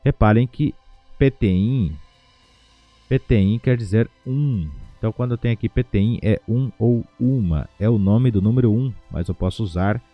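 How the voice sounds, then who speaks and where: A man teaching a language lesson from home, breaking words into syllables and repeating them slowly. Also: fairly low pitch, dry recording, lo-fi sound, faint music behind. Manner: slow, syllable-by-syllable pronunciation drills. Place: home without a studio.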